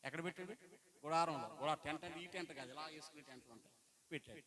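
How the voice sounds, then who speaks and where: A male pastor preaching a Sunday sermon. He poses questions to the congregation and answers them, moving between loud, emphatic lines and quiet asides. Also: on the high side, very fast, a crowd in the background. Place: church service. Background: congregation sounds.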